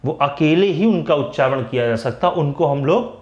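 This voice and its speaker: A man's voice: on the high side, lively intonation, a little mellow, muffled recording. Indian man teaching grammar, echoey room. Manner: slow, deliberate explanation with words drawn out. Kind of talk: classroom-style explanation.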